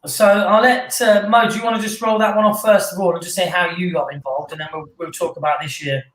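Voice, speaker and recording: A man who coordinates a student union, explaining things in a relaxed, casual way with frequent fillers. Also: sits high, fast. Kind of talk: casual online panel chat. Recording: roomy echo.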